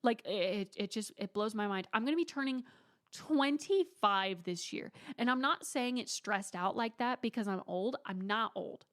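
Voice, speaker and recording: A woman's voice: mid-range voice, normal speed, a bit bright. A woman in her twenties hosting her own podcast, chatting casually and dramatically with playful asides and mock whispers. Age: 20s. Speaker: podcast host. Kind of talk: casual solo podcast chat.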